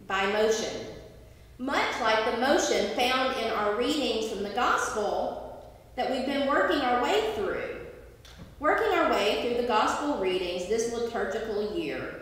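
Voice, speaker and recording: Woman pastor, fairly high voice, unhurried sermon, roomy church echo, distant mic. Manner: slow, deliberate preaching with dramatic pauses. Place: church sanctuary. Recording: roomy sanctuary echo from far off.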